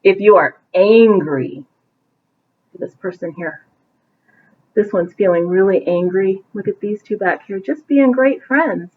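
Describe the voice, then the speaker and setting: With slight background noise behind her, a woman of medium pitch reads a little slowly from a picture book. As a teacher telling a bedtime story, she adds simple, encouraging explanations for the children. The audio is thin and narrowband, much like a phone call.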